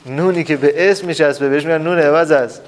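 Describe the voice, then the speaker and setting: A male teacher with a slightly raised pitch runs a classroom lesson. He quizzes the room over and over, repeating key terms with emphasis. Students are present, and he often answers his own questions. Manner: emphatic, drills terms aloud.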